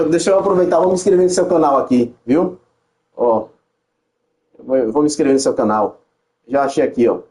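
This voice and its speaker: With a mid-range, dark-toned voice, a young man banters on a gaming live stream as he plays, frequently laughing while he teases and mocks. There's a roomy echo on the recording.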